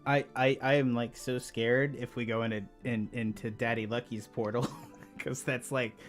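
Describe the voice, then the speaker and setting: A man's voice: mid-range voice, flat delivery, moderate pace. Guy playing tabletop rpg w friends, casual n sweary, music going behind him. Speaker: player on a tabletop game podcast. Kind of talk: casual, sweary game chat.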